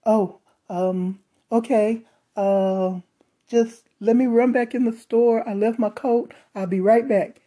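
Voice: medium pitch, fairly even intonation, slow pace, warm tone, voice pushed up. A storyteller voicing a frightened young woman coworker who stammers in a rising panic. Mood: panicked.

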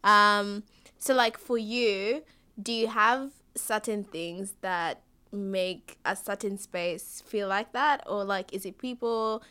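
A woman's voice: mid-range voice, takes it slowly, clear, resonant tone. A young woman interviewing someone casually, peppering her questions with "like" and letting her sentences trail off. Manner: casual, many "like" fillers, trailing off softly.

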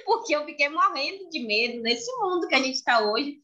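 A woman hosting a casual chat, telling an animated, expressive story with frequent laughter. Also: high voice, normal speed, highs cut off. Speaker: podcast host.

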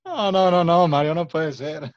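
A man's voice: a little high, slow, dull audio. A man, the show's producer and co-host, giving short reactions and laughing often in casual banter.

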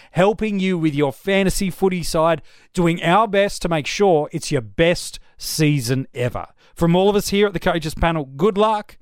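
Clear-voiced Australian man hosting. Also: a little high, no room sound, studio quality. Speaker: podcast host. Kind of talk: casual podcast hosting.

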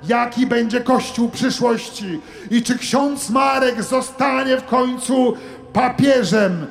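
A man delivering a satirical sermon monologue as a comic preacher, theatrical, moving from hushed asides to shouted preaching. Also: very high voice, slow pace, creaky, reverberant, long reverb tail, soft background music.

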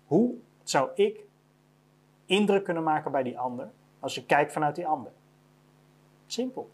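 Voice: mid-range voice, animated, a little slow, a little mellow, breathy edge. A business owner giving a blunt motivational monologue about career advice, repeating each point to hammer it home.

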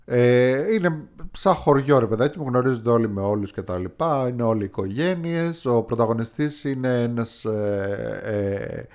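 A man's voice: mid-range voice, few pauses, a little mellow. A man co-hosting a podcast in casual chat, telling stories in a rambling way with many fillers. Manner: rambling, filler-heavy storytelling. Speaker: podcast co-host.

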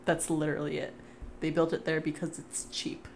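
A woman with a notably low voice chats on a podcast. She tells a personal story in a relaxed, wry way, with quick asides along the way. A faint noise sits behind her voice. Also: creaky. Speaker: podcast co-host. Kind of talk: casual chat, personal storytelling.

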